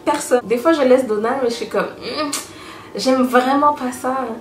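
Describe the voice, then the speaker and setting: A young woman with a Quebec French accent chatting to camera in an animated way, slipping English words into her talk. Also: high-pitched, moderate pace, slight background noise. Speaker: vlogger. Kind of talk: casual chat to camera. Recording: echoey room with music behind.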